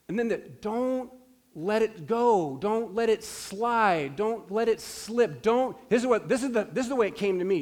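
A pastor in his forties delivers a sermon with a notably high voice. He speaks earnestly and with emphasis, often repeating a phrase to drive a point home. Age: 40s.

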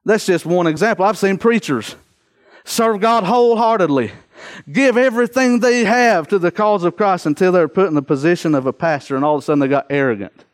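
High-pitched man preaching an earnest sermon. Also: a little fast. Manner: earnest, exhorting, with repeated phrases for emphasis.

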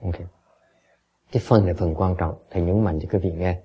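Mellow-voiced male dharma teacher. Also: low-pitched, fairly even intonation, fairly quick, slightly rough, dull audio. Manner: explains in English, then repeats in Vietnamese, often stumbling over repeated words. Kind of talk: bilingual dharma lecture.

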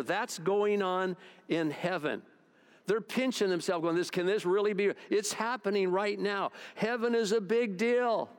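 A man preaching a sermon at a church service in a conversational way, acting out the voices he quotes. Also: high voice. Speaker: pastor.

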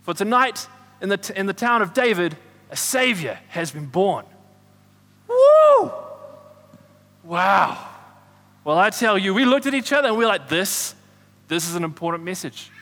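A man acting out a rambling, excitable shepherd, his high voice ringing through a long, echoing hall. His bright, cutting tone carries loud whoops as he chatters on in a comic stage play. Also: a little slow, pauses often, heavily acted. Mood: excited. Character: excitable chatty male shepherd, middle-aged. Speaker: shepherd character in a church Christmas play. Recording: echoey hall reverb.

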